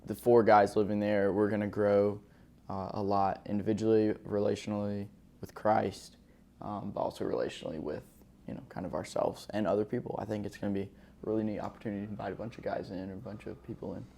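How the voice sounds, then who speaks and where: Brief: young male podcast co-host, low voice, relaxed and upbeat, quick to laugh. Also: creaky. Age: 20s. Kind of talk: casual chat. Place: indoor room, filmed by a cameraman.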